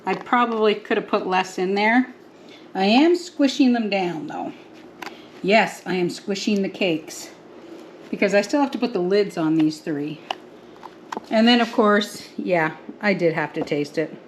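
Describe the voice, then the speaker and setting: A woman's voice: medium pitch, unhurried, a little hiss or hum. Casual home-cook woman, giggly and talkative, faint kitchen ambience. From Canada. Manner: chatty, giggly, talks to viewers while working. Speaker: homestead vlogger. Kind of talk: casual cooking vlog.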